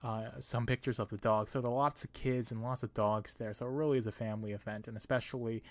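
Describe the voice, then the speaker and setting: A man's voice: medium pitch, fairly even intonation, quick pace, no echo. A man talking casually in a vlog, easygoing and rambling, laughing between thoughts. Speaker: vlogger.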